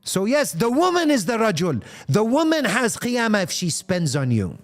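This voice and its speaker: A high male voice with huge swings in pitch moves at a moderate pace. The man, an Islamic speaker, gives a heartfelt live-stream talk on faith, answering viewer comments and switching between English and Arabic phrases, often posing rhetorical questions.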